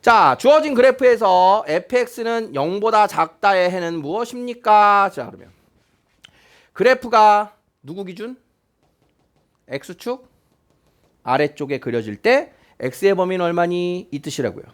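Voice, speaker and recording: A man's voice: high-pitched, lively intonation, a little slow. A male math teacher explaining a lesson, asking questions and repeating key points to check that students follow. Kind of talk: classroom math lecture.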